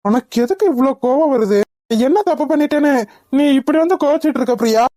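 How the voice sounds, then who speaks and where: A bumbling young husband from a cartoon, voiced by a woman, forever muttering worries to himself. The voice is soft, mellow and fairly high. It sounds dry and close. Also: fast, dry recording, lightly acted. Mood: defensive. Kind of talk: cartoon voice acting.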